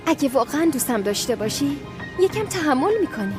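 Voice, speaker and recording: A jumpy schoolgirl in a tv drama, high voice, hesitant, music behind. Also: big pitch swings. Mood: nervous. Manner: nervous, hesitant. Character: anxious young schoolgirl sneaking off. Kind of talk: TV drama dubbed dialogue.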